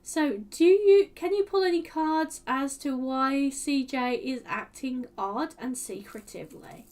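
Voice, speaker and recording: A high-voiced woman chats her way through a tarot reading, full of "like" and "um", as if thinking aloud. She sits a little back from the mic, so her voice sounds slightly distant. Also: a little slow, darkish tone. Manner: chatty, meandering, lots of fillers and "like". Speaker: tarot reader. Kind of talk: casual live-stream tarot reading.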